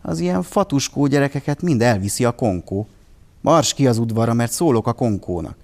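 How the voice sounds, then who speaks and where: A man's voice: medium pitch, expressive, a little mellow, close to an everyday voice. A man voicing a grumpy old man who scolds a little girl in a storybook. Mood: scolding. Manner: gruff, scolding.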